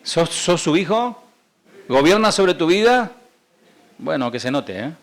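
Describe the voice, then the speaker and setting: Male pastor, Rioplatense accent, slightly high voice, emphatic sermon with rhetorical questions and hushed asides. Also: sing-song, unhurried. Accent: Rioplatense Spanish. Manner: emphatic preaching with rhetorical questions and sudden drops to soft asides. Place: church sanctuary.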